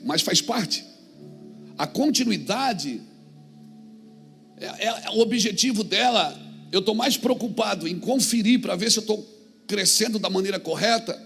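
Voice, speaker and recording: A male pastor preaching a sermon. He moves from calm talk to fervent shouts and calls out to the congregation. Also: high-pitched, creaky.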